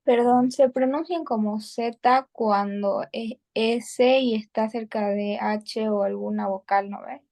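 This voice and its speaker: A woman student with a fairly high, gravelly voice asks a question slowly and tentatively. Her speech comes at an unhurried pace. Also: fairly even intonation, a little mellow.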